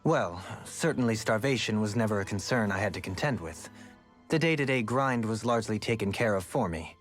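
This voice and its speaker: An actor playing a refined, gentle and eccentric former lord in a game, speaking in formal, courtly phrasing. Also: male voice, lowish voice, expressive, fairly quick, faint music behind, close to an everyday voice. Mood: reflective. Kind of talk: game character dialogue.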